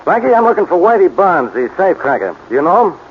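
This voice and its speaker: Animated, blunt Inspector Faraday. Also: male voice, high voice, quick pace. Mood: blunt, defensive. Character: gruff, bumbling male police inspector. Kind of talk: 1940s radio acting. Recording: muffled, noisy old radio recording.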